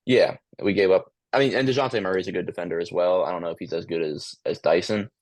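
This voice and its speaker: A man co-hosting a casual sports podcast in a monotone voice, hesitant, with many ums and restarts. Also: sits low, fast talker, dry recording. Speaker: podcast co-host.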